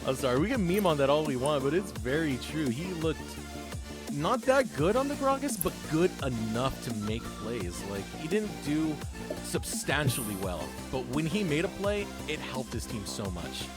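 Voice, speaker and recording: A man giving live play-by-play commentary on an esports match, excitable and quick to laugh. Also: fairly high pitch. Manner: excitable, laughs often, shouts big plays. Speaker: esports caster. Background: game music.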